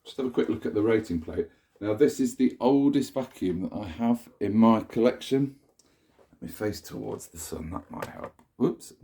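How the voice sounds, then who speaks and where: With a creaky, dark, lowish voice, a man speaks at normal speed and animatedly while showing off a vacuum cleaner indoors in sunlight, camera held close. He's congested from a cold, and his chatty demo meanders with self-corrections.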